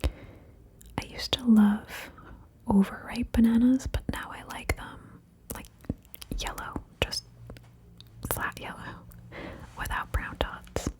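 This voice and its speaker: Woman, ASMR whisperer, slow and playful, close stereo mic, slightly high. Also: steady tone, darkish tone, breathy edge. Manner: whispered, playful, chatty, swears casually. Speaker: ASMR creator. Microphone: stereo mic, left and right ears.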